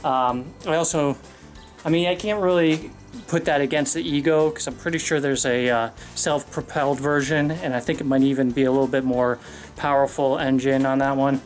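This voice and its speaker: A man's voice: mid-range voice, fairly even intonation, normal speed, soft background music. A man giving a casual, rambling mower review outdoors, out of breath and talking with many fillers. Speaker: lawn care video host. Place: outdoors on a lawn.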